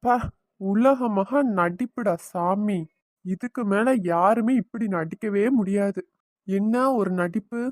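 A woman's voice: mid-range voice, slow pace, darkish tone, no room sound, natural voice. A woman voicing a resentful young son-in-law in a family cartoon, speaking bluntly and sarcastically. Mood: scornful. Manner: sarcastic, reproachful.

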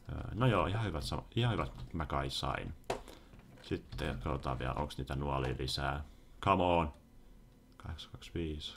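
A young man giving excitable, casual commentary over his own gameplay, sometimes yelping when startled. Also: rumbling low, gravelly, a little hiss or hum. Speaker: gaming video host.

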